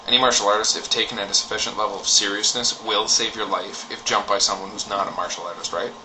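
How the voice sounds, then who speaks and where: A martial arts enthusiast rants his opinions bluntly and informally, throwing in some swearing. His voice is lowish, fast and fairly even in intonation, and the recording is clearly noisy with background ambience.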